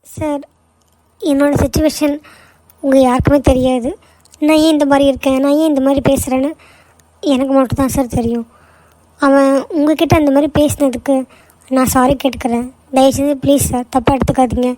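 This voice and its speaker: A woman's voice: sits high, steady tone, brisk, long pauses, warm tone, no echo, close to an everyday voice, poor audio. A woman voicing a meek young office worker in a cartoon, pleading and apologetic. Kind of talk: cartoon voice acting.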